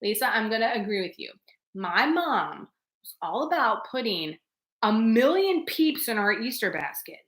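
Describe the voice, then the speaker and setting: A woman's voice: fairly high pitch, big pitch swings, moderate pace, a bit bright, reverberant. A woman hosting a casual live chat, laughing often and talking straight to her viewers. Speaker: livestream host reading chat.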